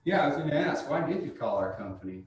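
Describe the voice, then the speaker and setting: A man's voice: on the high side, sing-song, fast. Guy playing a polite service tech, kinda hesitant, far from the mic, big echo. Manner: polite, hesitant, friendly questioning. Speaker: service technician in a sales role-play. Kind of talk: improvised training role-play. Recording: very echoey room, far from the mic, faint noise.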